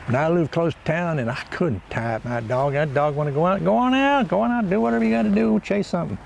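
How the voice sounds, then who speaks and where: A man's voice: on the high side, fairly quick, slight background noise, lightly acted. A man playing a folksy, cranky backwoods character, rambling through a comic monologue outdoors by the water. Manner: meandering, folksy, chuckling to himself. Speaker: comedy monologue host.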